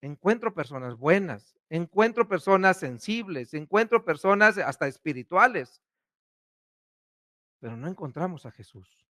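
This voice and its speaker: A man, a priest preaching a sermon, asking questions and swinging between loud and hushed delivery. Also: high-pitched, animated, measured pace.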